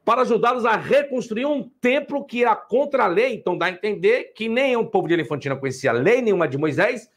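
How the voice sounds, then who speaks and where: Brazilian man lecturing in a lively, high voice. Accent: Brazilian Portuguese. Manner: emphatic, fires rhetorical questions, chides viewers. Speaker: online teacher and channel host. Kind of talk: livestream lecture.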